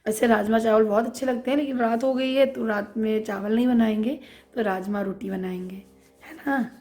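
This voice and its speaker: A woman's voice: on the high side, steady tone, normal speed, dark tone. Chatty woman vlogging at home. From India. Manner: chatty, talks straight to viewers. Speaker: family vlogger. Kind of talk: casual vlog narration. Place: at home indoors.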